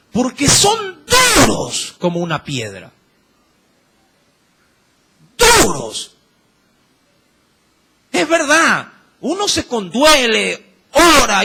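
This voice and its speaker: A man's voice: high-pitched, sharp tone, husky. A man with an Ecuadorian accent preaching a sermon, emphatic and firing rhetorical questions at the congregation.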